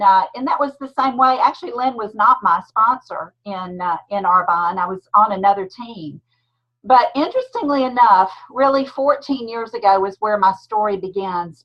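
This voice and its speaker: A woman's voice: mid-range voice, normal speed. A woman in her fifties with a thick Southern Georgia accent, telling her story as a guest speaker on a video call. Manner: warm storytelling with a thick drawl. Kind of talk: casual talk on a video call. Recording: dull lo-fi call audio.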